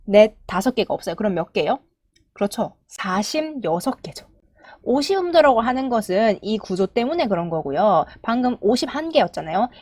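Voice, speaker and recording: A woman's voice: fairly high pitch, a little mellow, dry recording. A woman teaching Japanese syllables in Korean, patiently counting aloud and drawing out each sample sound. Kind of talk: spoken lesson.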